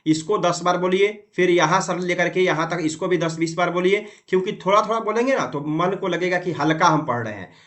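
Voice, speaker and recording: High-voiced man teaching Vedic chant. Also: fairly bright tone. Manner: explains patiently, then chants syllables slowly and drawn out. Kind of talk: recitation lesson.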